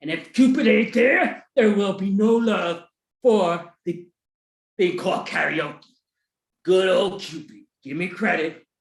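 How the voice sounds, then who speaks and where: A performer putting on a laid-back, slangy Cupid voice, drifting into quiet asides, recorded in an echoey room. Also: mid-range voice, slow pace, vocal fry. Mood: boastful. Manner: drawls slangy lines, trails off into quiet asides. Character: smooth low-talking Cupid, laid-back love god.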